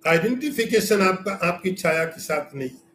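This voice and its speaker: A man with a fairly high voice gives a scriptural lecture as a spiritual teacher. He explains through everyday examples and keeps posing rhetorical questions. The recording has an echoey room and a faint background hum. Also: animated, normal speed, fairly bright tone.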